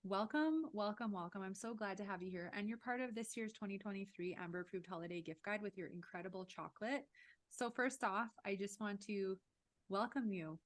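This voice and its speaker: Woman in her thirties, enthusiastic host, mid-pitched voice, webcam interview. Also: fairly quick. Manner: enthusiastic, upbeat. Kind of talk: casual interview over video call. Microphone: video call webcam.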